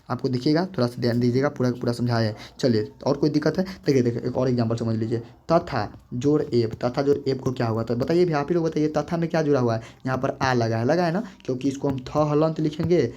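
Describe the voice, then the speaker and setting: A man's voice: mid-range voice, dark tone, lo-fi sound, slight background noise. A man teaching a grammar lesson, repeating steps and quizzing the listener as he goes. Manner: repetitive, coaxing, quizzes the listener. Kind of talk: board-explaining grammar lesson.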